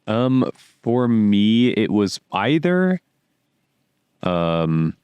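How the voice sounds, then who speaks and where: A man's voice: fairly low pitch, very animated, extremely slow, clean tone, no room sound, dull audio. A young man co-hosting a casual movie review podcast, slangy and blunt with hesitant fillers. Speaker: podcast co-host.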